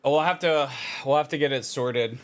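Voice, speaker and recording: A man streams a visual novel, reading the narration aloud and chatting casually in a playful manner, often interrupting himself. His voice is mid-range and fairly quick, suiting the loose livestream chat.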